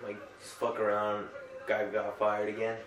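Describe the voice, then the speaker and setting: A man's voice: lowish voice, completely flat delivery, measured pace, reverberant, far from the mic, over music, poor audio. A young man chatting casually with friends, telling crude stories with a laugh. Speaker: pizza shop worker. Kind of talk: casual chat among friends.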